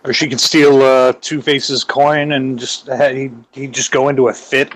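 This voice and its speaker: A man's voice: mid-range voice, flat delivery, moderate pace, fairly bright tone, a little hiss or hum, poor audio. A man in a casual stream chat, joking and playful.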